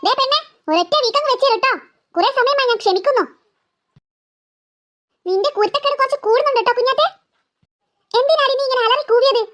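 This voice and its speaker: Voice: very high-pitched, a little fast, long pauses, fairly bright tone. A scolding, impatient cartoon mom. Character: scolding cartoon mother, short-tempered. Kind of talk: cartoon voice acting.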